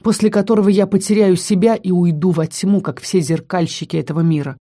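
A woman narrating a fantasy audiobook in an expressive, dramatic reading style that slows for tense lines. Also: on the low side, husky.

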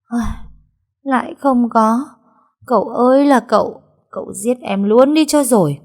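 Casting: woman doing a loud, overwrought young maid, pitched high and wailing. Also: unhurried. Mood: frantic wailing.

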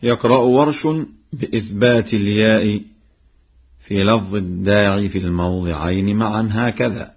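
A man from Egypt giving a radio lesson on Quran readings, explaining slowly and carefully and chanting each example melodically. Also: lowish voice, steady tone, slightly rough. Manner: slow, measured explaining, then melodic chanting. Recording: dull lo-fi archival radio recording.

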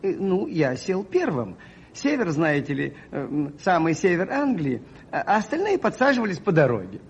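A man acting a meek, courteous provincial priest in an old radio play, speaking haltingly with polite stammers. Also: a little high, wildly swooping pitch. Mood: hesitant, polite. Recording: muffled, noisy old radio recording.

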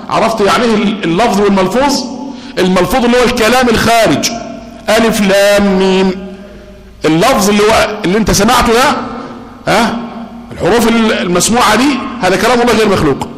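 High-voiced Egyptian sheikh teaching creed. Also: male voice, fairly bright tone, poor audio. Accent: Egyptian Arabic. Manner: explains step by step, keeps checking "got it?" with listeners. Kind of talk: religious lesson.

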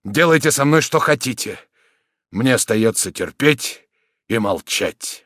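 A man's voice: medium pitch, lively intonation, a little slow, a bit bright, no echo, clean studio sound, voice pushed up. A man reading an audiobook voices a loyal old soldier confessing his fault firmly. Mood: resigned. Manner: firm, confessional.

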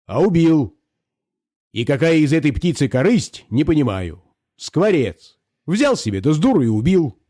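A pompous provincial landowner scolds and moralizes at length, indignant and self-righteous, as a man puts him on. The voice swings up and down with a mellow tone and a dry sound. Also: fairly high pitch, very animated, moderate pace, dry recording. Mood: scolding.

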